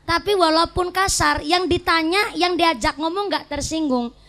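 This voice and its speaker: A woman preacher with a Banyumasan ngapak accent, giving a humorous sermon to a congregation and telling lively stories. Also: very high voice, normal speed. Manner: lively storytelling, mimics voices and mixes local dialects for jokes. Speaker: female Islamic preacher.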